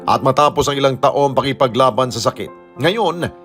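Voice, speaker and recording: A male narrator reads a scripted documentary voice-over, his pitch rising and falling with lively expression. He keeps a measured delivery over clear background music.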